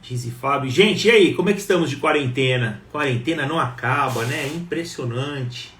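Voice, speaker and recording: Speaking at a moderate pace in a medium-pitched, fairly bright voice, a man runs a casual live online talk show from his home in Ribeirão and greets viewers individually by name. The wireless mic yields a distant, roomy recording with faint noise behind it.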